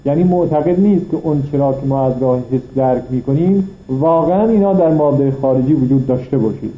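A man's voice: fairly high pitch, a little hiss or hum. Man lecturing in a roomy lo-fi recording. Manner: reads Arabic passages then explains them in Persian; argues point by point with rhetorical questions. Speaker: philosophy teacher. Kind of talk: classroom lecture reading and explaining an Arabic text.

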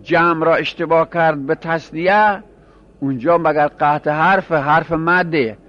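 A man's voice: fairly high pitch, dull audio. A man teaching a grammar class, explaining by repeating examples and asking his students questions.

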